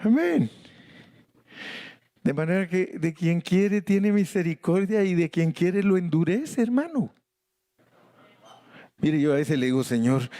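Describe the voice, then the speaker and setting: An older pastor with a medium-pitched, dark voice preaches emphatically, acting out conversations while his voice suddenly leaps up for stress. The sound is clean studio quality with no echo.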